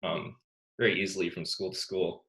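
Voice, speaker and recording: A young man from Canada, a student athlete, answering interview questions in a relaxed, soft-spoken way with many ums. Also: low voice, moderate pace, rough recording. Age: young adult.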